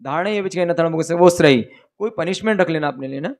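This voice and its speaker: A male preacher delivering a sermon full of stories and questions to the audience. His voice sits high in pitch, and at times he chants vows in a rhythmic recitation. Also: fast. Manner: lively, asks the audience questions. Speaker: religious preacher. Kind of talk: sermon with storytelling.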